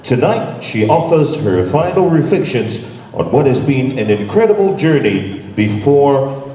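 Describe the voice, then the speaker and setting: Casting: unhurried, soft-toned male event announcer, scripted, reverberant and distant PA sound. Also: mid-range voice. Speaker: pageant announcer. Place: large event hall. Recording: echoey hall PA, distant, faint music.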